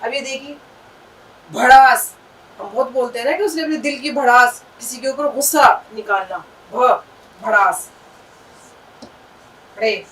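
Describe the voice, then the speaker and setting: A woman's voice: a little high, a little slow, pauses often, fairly bright tone, far from the mic, low-quality recording. A woman teaching an Urdu lesson, patiently sounding out letters and words and checking in with her listeners. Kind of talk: language lesson.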